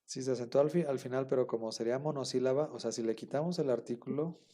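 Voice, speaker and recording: Mellow-voiced male teacher, patient lecture delivery. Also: medium pitch, fast talker. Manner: patient, explains step by step, checks understanding often. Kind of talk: online class lecture.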